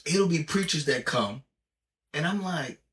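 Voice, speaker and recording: A man's voice: a little high, animated, measured pace, a bit bright, recorded from a distance. A man hosting a livestream chat, playful and laid-back, telling stories full of likes and fillers. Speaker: streamer, host.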